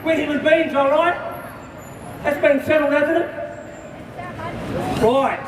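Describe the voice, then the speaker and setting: Man, protest speech, blunt and forceful, high voice, echoing PA, crowd around. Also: slow pace. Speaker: rally speaker. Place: outdoor street rally. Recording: echoey, distant outdoor PA with crowd.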